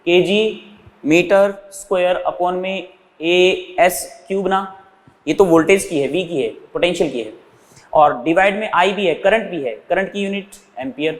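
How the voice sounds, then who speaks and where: Man, physics teacher, high voice, reverberant classroom sound. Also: a little slow. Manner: explaining step by step, often asking and answering his own questions; calls his students "beta". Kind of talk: whiteboard physics lesson.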